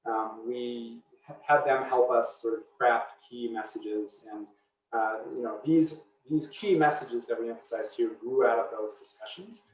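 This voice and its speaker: A man's voice: medium pitch, unhurried. A man giving a seminar talk and answering audience questions in a casual academic way, thinking aloud with many fillers and restarts. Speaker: seminar speaker. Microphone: video call. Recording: roomy, distant from the mic.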